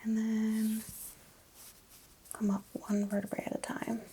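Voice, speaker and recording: A woman whispering softly and calmly as a doctor in an ASMR roleplay exam, giving gentle clinical instructions close to the mic. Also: a little high, slow pace, husky, poor audio. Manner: soft, calm, clinical bedside whisper.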